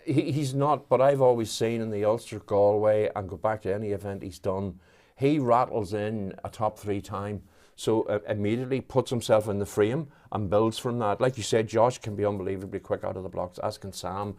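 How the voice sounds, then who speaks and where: A man's voice: on the low side, fairly even intonation, moderate pace, a little mellow. A man co-commentating on a rally live stream, chatty and enthusiastic, sometimes stumbling over his words.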